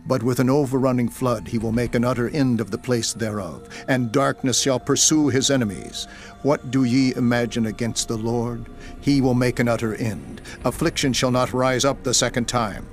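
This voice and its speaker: A man's voice: mid-range voice, moderate pace. Solemn man narrating scripture over music. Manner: solemn, declamatory delivery. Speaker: Bible narrator. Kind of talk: dramatized scripture narration in archaic English. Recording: music behind the voice. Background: background music.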